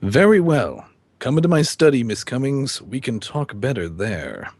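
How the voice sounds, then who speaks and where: Man playing stern, expressive middle-aged radio-drama judge. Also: medium pitch. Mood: composed. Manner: formal, measured delivery. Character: stern male judge, weary husband confiding his downfall. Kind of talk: old-time radio drama acting and first-person narration.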